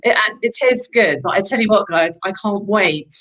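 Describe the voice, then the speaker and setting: A woman, a guest mother, speaking gratefully and a little haltingly on a live video call. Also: medium pitch, expressive, fairly bright tone, poor audio. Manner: grateful, slightly halting with fillers. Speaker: guest, mother being interviewed.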